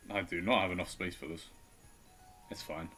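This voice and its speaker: A man's voice: low-pitched, steady tone, normal speed, bright, forceful tone, faint music behind. A man streaming live, chatting casually and with a self-deprecating tone as he thinks aloud while he draws.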